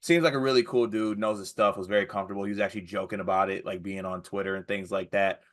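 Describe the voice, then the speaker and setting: A man with an American accent and a somewhat low voice chats casually about sports as a co-host. His delivery is conversational and wry, circling back to repeat phrases for effect. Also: steady tone, fast, fairly bright tone.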